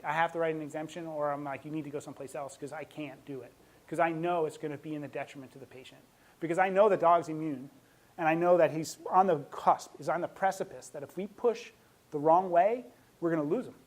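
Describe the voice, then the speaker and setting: A man's voice: on the high side, rough recording. A man, a veterinarian, giving a talk to an audience, telling stories with emotion and laughing often.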